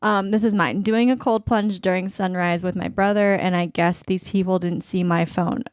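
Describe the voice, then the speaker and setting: A young adult woman hosting a casual podcast, chatty and giggly with quick asides. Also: lowish voice, steady tone, clean tone, no echo, clean studio sound. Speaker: podcast host. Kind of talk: casual chat.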